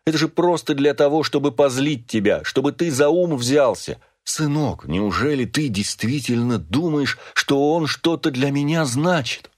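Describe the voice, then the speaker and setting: A man's voice: lowish voice, lively intonation, normal speed, no echo, studio quality. A man voicing a grief-stricken middle-aged father who pleads with his son, emotional and rising to anguished cries, read as an audiobook character.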